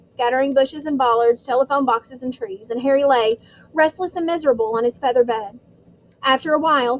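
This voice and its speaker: A woman's voice: high voice, a little hiss or hum, poor audio. A woman narrating an audiobook, reading steadily with dramatic stresses. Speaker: audiobook reader.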